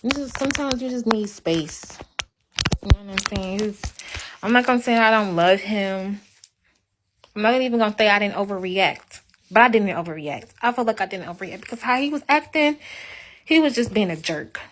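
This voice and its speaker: A woman's voice: medium pitch, normal speed, noisy background. A young woman venting on a casual livestream, ranting bluntly and emphatically with a lot of profanity.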